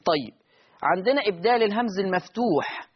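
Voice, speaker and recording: A high-voiced Egyptian man teaches the rules of Quran recitation with a husky, slightly breathy tone. He keeps quizzing his class and drawing out each example word slowly. The recording sounds dull and lo-fi. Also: expressive. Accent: Egyptian Arabic. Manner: asks the class questions and answers them himself, drawn-out recited words.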